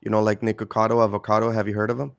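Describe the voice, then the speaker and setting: A man's voice: fairly low pitch, level tone, rapid-fire, gravelly, clean tone. A man co-hosting a casual reaction chat over a video call, thinking aloud and drifting into tangents. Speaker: co-host.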